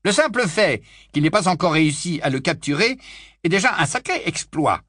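A reader voicing a scornful, blunt man in an audiobook, with a raised, animated voice. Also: mid-range voice, moderate pace, no echo, studio quality, pitched above the performer's own voice.

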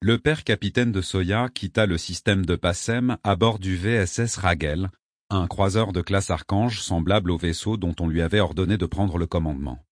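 Steady male audiobook narrator, dry sound. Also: deep voice, moderate pace, dry recording. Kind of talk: scripted narration.

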